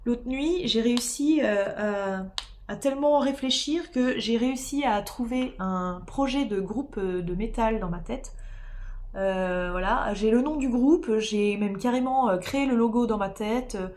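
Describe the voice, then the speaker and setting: This woman's voice is fairly high, with a darkish tone and a measured pace. Tired, nursing a cold and sore throat and losing her voice, she streams from home doing diamond painting, chatting and rambling with viewers through plenty of fillers and restarts.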